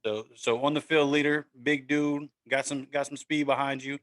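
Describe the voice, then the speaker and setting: A man's voice: medium pitch, level tone, normal speed, fairly bright tone. A man hosting a casual sports podcast, upbeat and encouraging, often tagging "man" and "right?" onto his sentences. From Maryland, USA. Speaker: podcast host.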